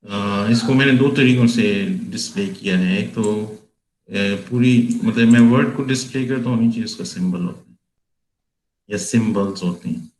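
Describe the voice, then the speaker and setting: A man tutoring on poetic meter, explaining slowly and patiently with many pauses during a screen-share session. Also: fairly low pitch, a little mellow, echoey room, low-quality recording. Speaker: tutor explaining Urdu prosody software.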